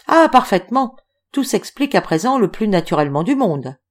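A woman reading an audiobook voices a bewildered, courteous young gentleman who asks flustered questions. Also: mid-range voice, big pitch swings, brisk.

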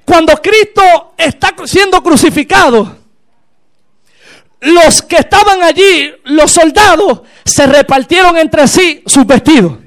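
Very high-voiced impassioned preacher man. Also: slow. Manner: impassioned, builds to shouted exclamations. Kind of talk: sermon. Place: church.

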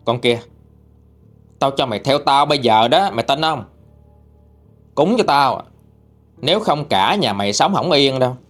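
A man's voice: mid-range voice, expressive, unhurried, long pauses, a bit bright, soft background music. A man voicing a spiteful old female ghost who threatens and demands offerings in a spoken ghost story. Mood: menacing. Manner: menacing, threatening.

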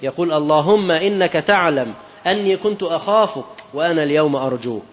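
Egyptian male preacher, rapid delivery, slightly high voice, lo-fi lecture recording. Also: expressive. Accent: Egyptian Arabic. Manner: mixes classical quotes with colloquial asides, asks listeners questions. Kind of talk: Islamic lesson sermon.

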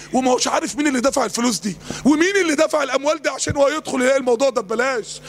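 A man's voice: very high voice, fairly bright tone. A man with an Egyptian accent preaching an impassioned sermon in a chanting cadence. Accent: Egyptian Arabic.

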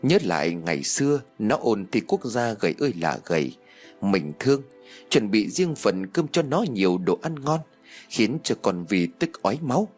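A man narrating an audio story in an expressive storytelling manner. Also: fairly low pitch, moderate pace, soft background music.

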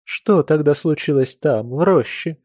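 A man's voice: fairly high pitch, a little slow, a little mellow, dry recording, clean studio sound, voice pushed up. A man putting on a prying, coquettish society lady. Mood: coaxing, prying. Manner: insistent, coaxing, eager for gossip. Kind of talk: audiobook reading.

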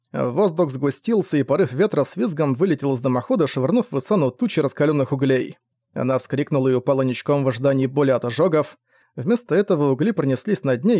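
A man's voice: mid-range voice, dark tone, no room sound. Male audiobook narrator, dry close sound. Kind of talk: scripted narration.

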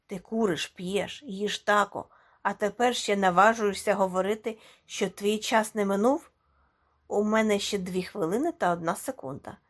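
A woman's voice: mid-range voice, slightly rough, natural voice. A woman reading an upset young man scolding his friend.

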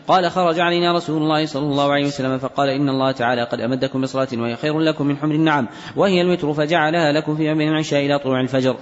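A male student reads hadith text to his teacher at great speed and never breaks the flow of the narrator chains. His voice is slightly high. A long hall reverb surrounds him, and the sound is dull. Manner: brisk, unbroken recitation of narrator chains. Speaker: student reader. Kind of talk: rapid reading of hadith text.

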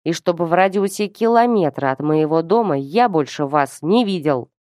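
A woman reading a story who voices a suspicious old man interrogating two youngsters in a curt, sharp manner. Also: low-pitched, expressive, normal speed, no room sound, studio quality. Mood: angry scolding.

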